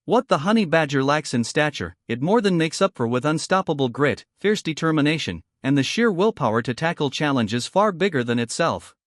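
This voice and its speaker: A man's voice: on the high side, expressive, brisk, hardly any pauses, no echo, clean studio sound. A man reading scripted nature documentary narration in a dramatic, grandiose storytelling manner.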